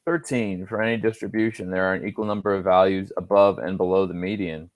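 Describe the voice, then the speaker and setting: Male instructor, low voice, dry close sound, casual screen-recorded homework walkthrough, thinks aloud with offhand jokes. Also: fairly even intonation, fast talker, no echo.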